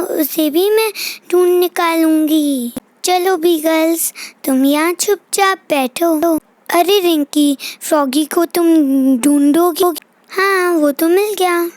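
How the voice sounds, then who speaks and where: A woman voicing a chatty, bossy young girl in a toy doll play, in a slow sing-song childlike way. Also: very high-pitched, dry recording.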